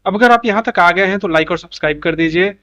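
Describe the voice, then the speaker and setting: A man's voice: high voice, fast, bright, forceful tone. A man giving an opinion monologue to camera, insistent and full of rhetorical questions. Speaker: YouTube commentator.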